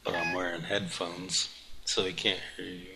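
A man putting on a deadpan, low-voiced guy wearing headphones. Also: moderate pace. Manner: flat, deadpan. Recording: loud noisy clicking background.

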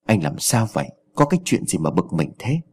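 A man's voice: big pitch swings, brisk, husky, full character voice. A man voicing a worried young village wife who scolds her husband in a raised, anxious voice. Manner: anxious, pleading, raised pitch.

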